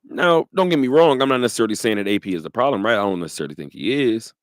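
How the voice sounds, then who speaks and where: A man hosting a sports radio talk show, talking in an animated way, laughing often and repeating his points. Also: medium pitch, racing, no echo, studio quality.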